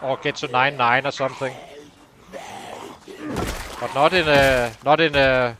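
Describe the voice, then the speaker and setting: A man's voice: mid-range voice, steady tone, a little slow, noisy background. A man hosting a let's play, thinking aloud as he works through the numbers behind his progress. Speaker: gaming channel host.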